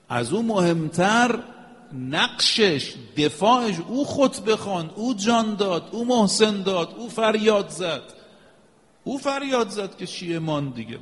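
Man preaching with a hall's echo. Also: sits high. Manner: emphatic, rhythmic, chants Arabic phrases. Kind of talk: religious sermon. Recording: long echo of a hall.

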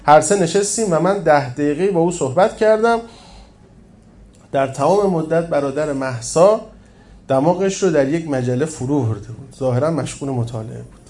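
Man reading a story, slightly high voice. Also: a little mellow. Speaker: audiobook narrator. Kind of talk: first-person story reading.

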